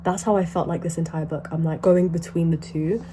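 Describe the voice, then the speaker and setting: A woman's voice: lowish voice, fairly even intonation, a little fast, background noise. Stuffy-nosed young woman chatting casually. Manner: rambling, upbeat, fills speech with "like". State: congested, stuffy nose, short of breath. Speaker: book vlogger. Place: at home in front of a bookshelf.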